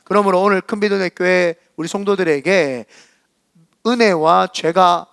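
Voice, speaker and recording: A man's voice: sits high, normal speed, creaky, a bit bright, clear, resonant tone, dry recording, studio quality. A middle-aged Korean man with a Gyeongsang accent preaching a sermon as senior pastor, emphatic and scolding, full of rhetorical questions. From South Korea.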